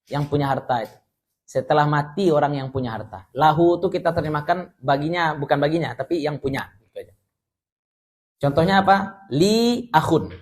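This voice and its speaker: Speaking a little high and fairly quickly, a man from West Sumatra with a Minangkabau Indonesian accent leads an Islamic study class. In this religious lecture he explains Arabic terms and jokes with his listeners.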